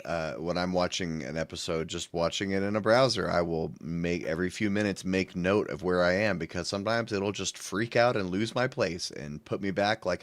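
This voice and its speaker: A man hosting a casual podcast chat, relaxed with playful asides. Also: low voice, no echo. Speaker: podcast host.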